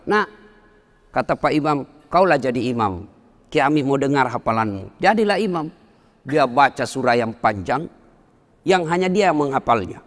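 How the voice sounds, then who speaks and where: A middle-aged man giving a humorous sermon to a congregation, telling animated stories with his voice jumping high at the punchlines. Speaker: preacher. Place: mosque or large hall before a congregation. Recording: long hall reverb.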